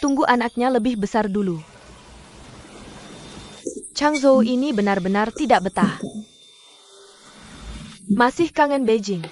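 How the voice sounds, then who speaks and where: A woman voicing a gentle, soft-spoken young mother and caring older sister in a dubbed drama series, with music behind her. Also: a little high, unhurried, pauses often, a little hiss or hum, natural voice. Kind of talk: Indonesian dub of a drama series. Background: background music.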